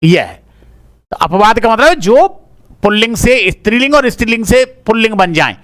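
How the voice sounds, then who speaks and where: A man's voice: sits high, animated, normal speed, a bit bright, no echo, studio quality. A male teacher working through an exam answer key, reading each word aloud and repeating it as he checks whether it is right or wrong. He talks informally and calls the listeners "brother".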